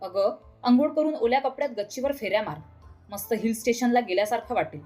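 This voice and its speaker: A sharp-tongued middle-aged wife, played by a woman storyteller, airs her grievances with biting sarcasm. The voice sits fairly high, with soft music faintly beneath. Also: fast talker, close to an everyday voice. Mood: complaining. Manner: scolding, sarcastic complaints.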